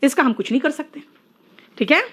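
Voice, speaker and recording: A woman teaching an English grammar lesson, coaxing her students and drawing out the example words slowly. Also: sits high, a bit bright.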